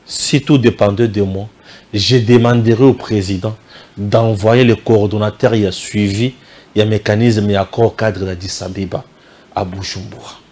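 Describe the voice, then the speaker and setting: A man's voice: on the low side, steady tone, normal speed, a little mellow. A man from DR Congo with a Congolese French accent, giving indignant political commentary full of rhetorical questions. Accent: Congolese French, Kinshasa.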